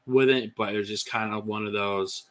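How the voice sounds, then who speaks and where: A man's voice: fairly low pitch, steady tone, moderate pace. A man talking as a podcast guest, candid and rambling, with lots of "like" and "um". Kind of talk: casual personal testimony.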